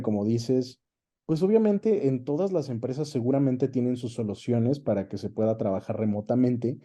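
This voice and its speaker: This interview guest is a Mexican voice actor and dubbing director with a mid-range, warm voice. His explanations are relaxed and chatty, peppered with quick tag questions to check in.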